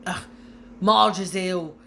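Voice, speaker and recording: Uncle Vernon, voiced by a woman, blustering and loud. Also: on the low side, slow, gravelly, slight background noise, full character voice. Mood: mocking. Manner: loud, stammering, sneering. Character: blustering, bullying middle-aged uncle.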